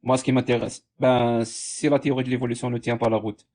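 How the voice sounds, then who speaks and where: A man with a mid-pitched voice debates informally on a live stream. He is sardonic and insistent, pressing his points by repeating them. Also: little pitch movement, brisk, a little mellow.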